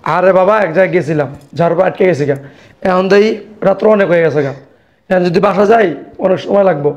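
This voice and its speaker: A man's voice: sits high, fast, a little mellow, muffled recording. A blunt, suspicious father-in-law. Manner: blunt, questioning, rustic dialect. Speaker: visiting father.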